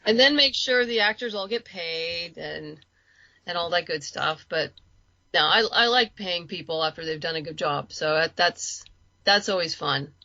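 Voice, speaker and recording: A writer and producer appears as a podcast guest, chatting casually in a talkative, slightly self-deprecating way. Her lowish voice comes at a normal speed, pushed and bright, on a dry recording that sounds like a dull lo-fi voice track.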